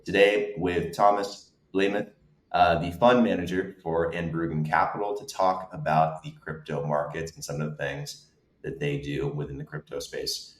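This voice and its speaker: A man's voice: rumbling low, little pitch movement, moderate pace, slight background noise. A man hosting a podcast, asking friendly, loose questions in a casual way. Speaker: podcast host. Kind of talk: casual interview talk. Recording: echoey room.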